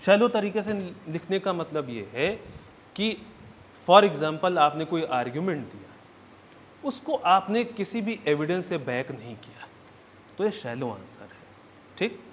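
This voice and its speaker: Young male exam coach, fairly high voice, lectures step by step with frequent check-ins. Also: very animated, measured pace, long pauses, slight background noise. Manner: checks in often with "right?" and "okay?"; explains step by step, counting points aloud. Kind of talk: classroom lecture.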